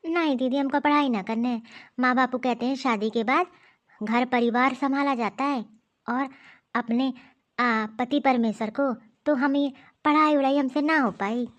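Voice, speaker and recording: A woman voicing a shy, uneducated young village wife in an animated cartoon, who talks slowly and humbly. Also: high-pitched, lo-fi sound. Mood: meek. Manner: slow, humble village speech.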